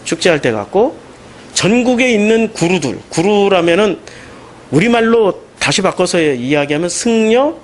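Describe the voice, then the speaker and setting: A man preaching a Sunday sermon as pastor, animated and emphatic, with questions put to the congregation. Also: high-pitched, normal speed, a little hiss or hum. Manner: animated, rising into emphatic questions and mocking quotes.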